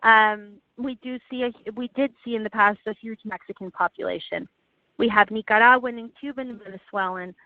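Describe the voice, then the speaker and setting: A woman presenting slides in a webinar over a phone line, earnest and halting with frequent restarts. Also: a little high, fairly even intonation, no echo. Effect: heard over a phone line. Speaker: webinar presenter for a legal aid project. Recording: tinny, dry phone line.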